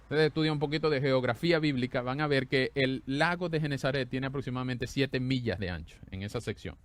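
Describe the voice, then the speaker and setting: Preaching with a quick pace and a mid-range voice, this pastor keeps his sermon lively and conversational. He swings from loud exclamations to soft, tender moments and keeps asking the congregation questions.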